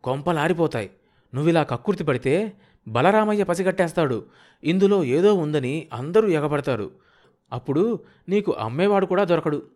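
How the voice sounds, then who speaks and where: A man's voice: a little high, lively intonation, normal speed, pauses often, a little mellow, voice pushed up, close to an everyday voice. A man voicing a blunt, stubborn village farmer. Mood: insistent. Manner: blunt, pushy and insistent. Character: shrewd, stubborn male village farmer, middle-aged.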